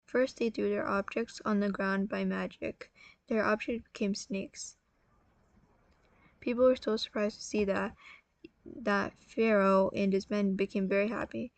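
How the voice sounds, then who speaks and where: A tired woman telling a religious story in a casual, halting way, often correcting herself. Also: mid-range voice, dry recording. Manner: halting, self-correcting, apologetic.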